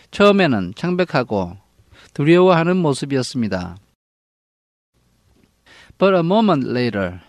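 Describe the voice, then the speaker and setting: A man from Korea teaching an English novel, reading each line slowly and then translating it. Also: mid-range voice, dry recording, clean studio sound. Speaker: English book lecturer.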